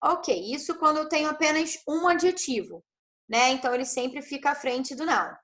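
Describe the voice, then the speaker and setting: A woman with a high-pitched, slightly bright voice teaches an online English grammar class over a video call. At a normal speed, she explains things step by step and checks in often with tag questions.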